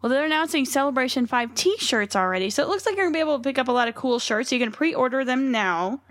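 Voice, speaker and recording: A woman's voice: high voice, lively intonation, quick pace, fairly bright tone, no room sound, studio quality. A woman co-hosting a podcast, chatting casually and teasing her co-host. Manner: teasing, playful. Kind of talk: casual chat.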